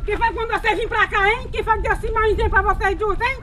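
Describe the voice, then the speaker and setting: Nagging mom, very high voice, loud crowd and street noise. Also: female voice, fairly even intonation, quick pace. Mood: scolding. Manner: scolding, nagging. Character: nagging mother, middle-aged.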